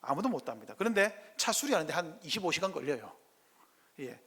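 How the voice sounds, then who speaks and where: A pastor, preaching a sermon in a church sanctuary and firing rhetorical questions at the congregation. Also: male voice, fairly high pitch, very animated, fairly quick, fairly bright tone, husky. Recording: echoey church hall.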